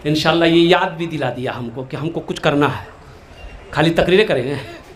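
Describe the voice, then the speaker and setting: A man's voice: a little high, a little hiss or hum. A man preaching a humorous sermon in an eastern Hindi dialect, acting out characters and now and then singing verses. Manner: sings verses slowly, acts out characters in dialect.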